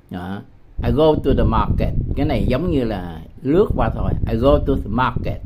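A man from Vietnam teaching English words in a patient tutorial, repeating each word slowly with hesitation sounds. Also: mid-range voice, a little mellow, a little hiss or hum. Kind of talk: slow, patient screen-demo tutorial.

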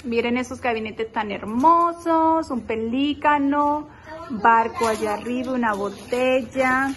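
A woman vlogger with a fairly high, fairly bright voice gives a chatty, enthusiastic tour of a beach rental, taking it slowly. She films on a phone as she walks and calls her viewers "girls" in this casual house-tour vlog.

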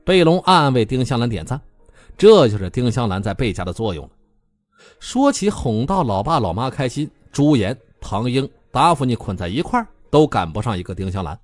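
An animated male audiobook narrator delivers scripted comic storytelling. His medium-pitched voice rises and falls freely, and the recording is dry and close. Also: brisk, no room sound.

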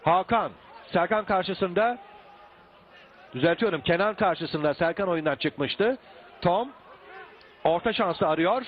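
Male football commentator, high-pitched, excitable play-by-play with raised voice, tinny phone-like sound over light noise. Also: slow, long pauses, some chatter behind. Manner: raises his voice to shouting at attacks. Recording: tinny phone-like band, some outdoor background noise.

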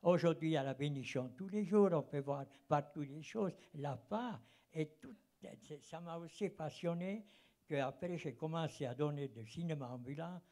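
Reminiscing at a public round table, an audience member in his eighties talks into a handheld mic from his seat in a cinema auditorium. His voice is a little high and mellow, his pace moderate, and his French bears the Swiss German accent of his native German-speaking Fribourg countryside. He used to run a travelling cinema, and he rambles, searching for words.

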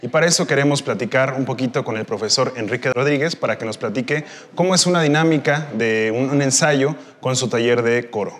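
A man hosting a school cultural program, introducing guests and asking friendly, clear questions. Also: mid-range voice, brisk. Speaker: host. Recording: reverberant hall.

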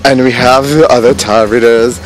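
A man's voice: mid-range voice, steady tone, brisk, faint music behind, rough recording. A middle-aged man speaking in flamboyant, mock-archaic Renaissance fair speech as he hosts a handheld vlog outdoors. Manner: theatrical, flamboyant, mock-archaic courtly wording. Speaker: tarot reader at a Renaissance fair, vlog host. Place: outdoors at a fairground lane with stalls. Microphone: handheld phone at arm's length.

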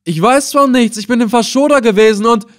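A man voicing an excitable, talkative old male helmsman in an audiobook, pleading and crying out. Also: fairly low pitch, moderate pace, no room sound, studio quality, natural voice. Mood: alarmed. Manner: pleading and wailing. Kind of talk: audiobook character voice.

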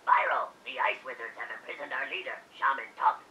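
A man's voice: medium pitch, brisk, sharp tone, lo-fi sound, a little hiss or hum. An actor voicing an earnest little male ice-cabin villager asking for help. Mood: pleading. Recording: distant game audio with crowd.

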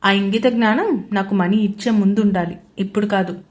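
A woman voicing an arrogant, teasing young husband in a loud, taunting way. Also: mid-range voice, a little fast, close to an everyday voice. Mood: scolding. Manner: louder, taunting delivery.

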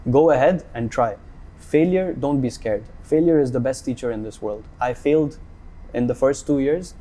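A young man from Dubai answers interview questions in a relaxed, earnest way, with some fillers, seated on a sofa indoors. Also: mid-range voice, moderate pace. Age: young adult. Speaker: company founder, guest.

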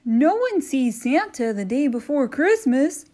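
A woman's voice: sits high, very animated, unhurried, dark tone, pitched above the performer's own voice. A woman voicing a bossy Christmas elf who firmly turns visitors away. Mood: stern. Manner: stern, commanding, firm.

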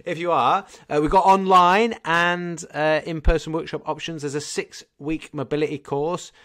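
This podcast co-host, a man in his thirties with a Scouse accent, speaks in a fairly high, pushed, bright voice with a level tone at normal speed. His casual chat is jokey and rambling with many fillers, recorded in a home room indoors on a desk condenser mic during a video call.

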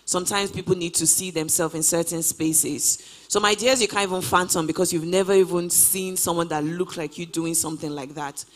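A woman in her twenties, a guest traveler, answers interview questions on stage in a large auditorium, speaking into a handheld mic. Her voice is lowish and steady, and she talks fairly quickly in an upbeat, casual way, peppering her answers with "you know."

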